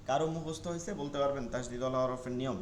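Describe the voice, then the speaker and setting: A man teaching an online Quran reading class, patiently repeating rules and spelling letters out slowly. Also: medium pitch, roomy sound, slight background noise.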